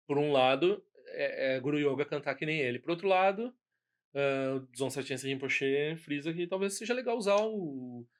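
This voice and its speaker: Rambling Brazilian man teaching casually. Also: on the high side. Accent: Brazilian Portuguese. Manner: rambling, many restarts and "né?" tags. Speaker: Buddhist teacher. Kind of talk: informal spoken lesson.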